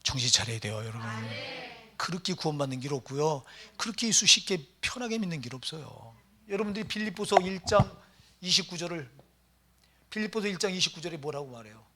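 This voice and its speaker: Male pastor, sermon, emphatic, rhetorical questions, loud then hushed, fairly high voice. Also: animated, quick pace.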